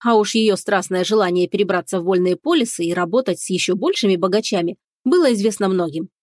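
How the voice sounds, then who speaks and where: A woman narrating a fantasy audiobook in a steady storytelling manner. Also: mid-range voice, quick pace, dry recording, studio quality.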